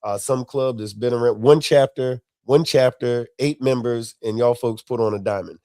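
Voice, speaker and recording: A man from Florida talks in a blunt, folksy way, pressing his points hard. His voice is mellow and dark. It sounds dry and close, with no room around it. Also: mid-range voice, fairly even intonation, moderate pace, no room sound. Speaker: podcast co-host. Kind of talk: casual podcast chat.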